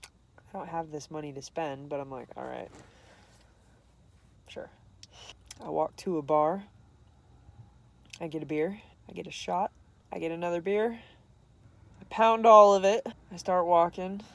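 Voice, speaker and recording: A woman's voice: on the low side, normal speed, gravelly, pauses often. A young woman vlogger telling a candid, self-deprecating story to camera, laughing often.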